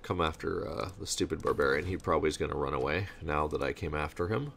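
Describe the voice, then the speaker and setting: A man casually commenting on his strategy game as he plays, rambling and thinking out loud with sarcastic asides, on a desk mic without a pop filter. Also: a bass voice, fast talker, creaky, slight background noise. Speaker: gameplay commentator. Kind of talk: casual let's-play commentary.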